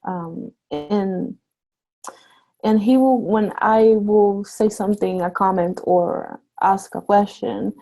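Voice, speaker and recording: A woman speaking slowly with a dark, mellow tone. She shares a personal experience in a group discussion, pausing often and hesitating with fillers. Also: medium pitch, poor audio. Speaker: workshop participant.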